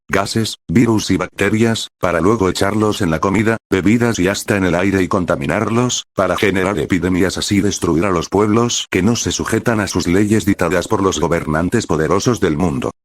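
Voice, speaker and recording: A pastor from Peru reading aloud a prophetic vision in a slow, solemn, dramatic manner. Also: male voice, low-pitched, no echo.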